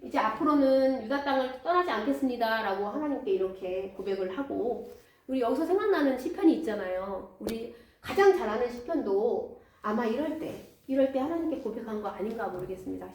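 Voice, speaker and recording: A woman preacher telling a Bible story in a lively way, asking the audience questions, in a church. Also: fairly high pitch. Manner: animated, asks the audience questions. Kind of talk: storytelling sermon. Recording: echoey church hall, mic far off.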